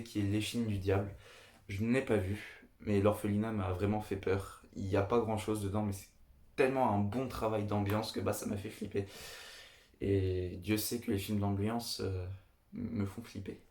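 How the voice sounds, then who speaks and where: A young man with a lowish voice talks through his favourite films in a casual, eager monologue. He repeats himself often and gushes about what he likes. His voice rings in an echoey room. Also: a little mellow. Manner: enthusiastic, repetitive, chatty. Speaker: video host. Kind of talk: casual film review monologue.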